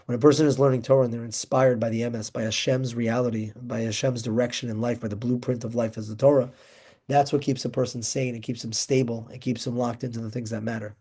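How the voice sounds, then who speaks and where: A young man teaching an informal Torah class, emphatic and excitable, rambling between points. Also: mid-range voice, fast, husky.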